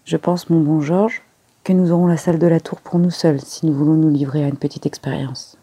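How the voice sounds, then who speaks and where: A reader putting on a fussy little male detective, precise and pleased with his own jokes, in a storybook reading. The voice is gravelly and dark, with a husky edge. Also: mid-range voice, steady tone, fairly quick. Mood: coaxing.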